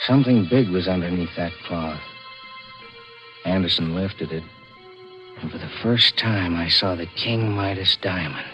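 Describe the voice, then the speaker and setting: An American actor plays a scheming ex-convict forger recounting his own crime in hardboiled 1940s radio thriller style, using first-person narration and dialogue. His low voice is a little slow with frequent pauses, grim and brooding in mood. The recording is muffled vintage radio with music.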